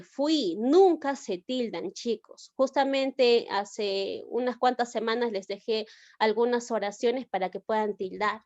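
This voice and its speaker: A woman's voice: a little high, dry recording, highs cut off. A woman teacher giving an online class, explaining step by step and often checking with the students. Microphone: video call.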